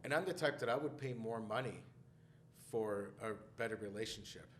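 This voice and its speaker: A man co-hosting a podcast in casual chat, a chatty, animated storyteller who laughs often. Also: fairly low pitch, moderate pace, a little hiss or hum. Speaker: podcast co-host.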